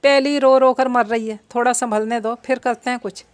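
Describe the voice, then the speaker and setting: A woman's voice: a little high, steady tone, brisk, no room sound, close to an everyday voice. A woman doing jittery young street men. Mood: scheming. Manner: wary, muttering asides.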